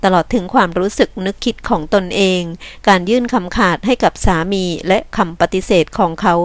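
Woman audiobook narrator, measured literary reading, mid pitch, dry close mic. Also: no echo. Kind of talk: scripted narration of a novel.

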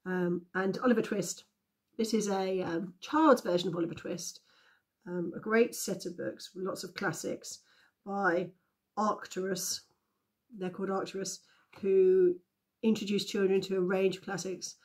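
A woman's voice: medium pitch, fairly even intonation, unhurried, a little mellow. A woman, a tutor who reads a children's story aloud with expression and talks to pupils in a friendly teacher's tone.

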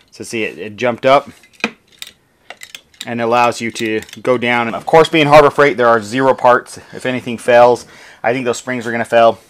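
In a cluttered home garage workshop, a man who hosts a DIY channel gives a casual, hands-on tool review, practical and full of fillers as he thinks aloud. He has a medium-pitched voice that's fairly bright, clear and resonant.

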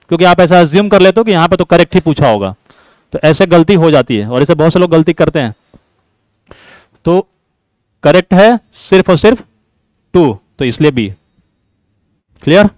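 A man's voice: sits high, clear, resonant tone, dry recording. A man teaching an exam-prep class, explaining points over and over and quizzing his students. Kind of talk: classroom lecture mixing Hindi and English.

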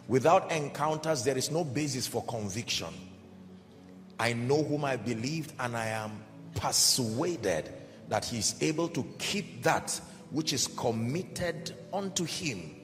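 A man preaching a sermon in an emphatic, deliberate way, calling out to his audience. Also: medium pitch. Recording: reverberant hall with faint background music.

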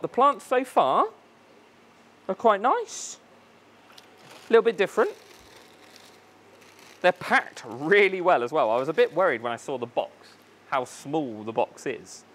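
Running his own fish shop, this man films a relaxed unboxing video with eager, talkative energy, musing aloud and fumbling the names of plants. His voice sits on the high side and sounds a bit bright.

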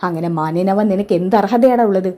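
A woman's voice: medium pitch, fairly quick, dark tone, natural voice. Stern scolding older brother, as a woman reads him. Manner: scolding, threatening. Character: angry domineering elder brother, man.

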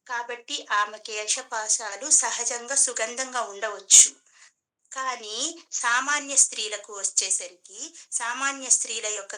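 A woman's voice: fairly high pitch, bright, forceful tone. A woman voicing a proud male court poet who lectures sarcastically in a devotional story.

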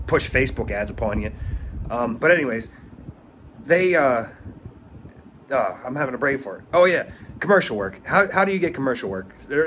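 A pressure washing business owner in his thirties rambles through tips in a casual talking-head vlog, stumbling and repeating words. He films on a phone held at arm's length in a small room; his mid-range voice is fairly bright, with slight background noise.

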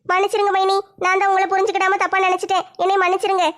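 A woman acting in a village comedy sketch with a shrill, scolding manner. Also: monotone, racing. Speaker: comic sketch performer.

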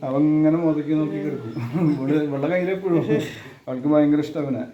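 A man's voice: fairly high pitch, fast talker, reverberant, lo-fi sound, slight background noise. A man hosting a pet vlog in a chatty, casual way, who sometimes talks tenderly to the animals. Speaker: pet channel host.

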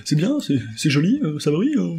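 A man's voice: a little high, a little fast. A young man casually joking and swearing while commentating a co-op game he plays with a friend. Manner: joking, crude, excitable. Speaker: gamer co-host.

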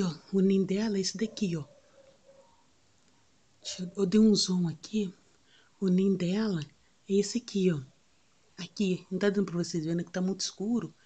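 A woman with a Brazilian Portuguese accent, vlogging casually outdoors at home on a handheld phone, tender and cooing, often dropping to a soft near-whisper. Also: mid-range voice, slightly rough. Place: outdoors at home in strong sun. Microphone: phone camera held while filming.

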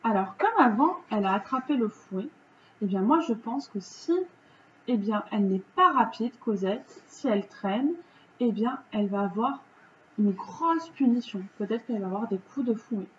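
A French woman teaching children, her voice pitched a little high, working through the answers slowly and patiently. The recording sounds a bit dull, with a faint hiss behind her. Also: animated. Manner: slow, patient, explaining step by step. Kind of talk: reading lesson correction for children.

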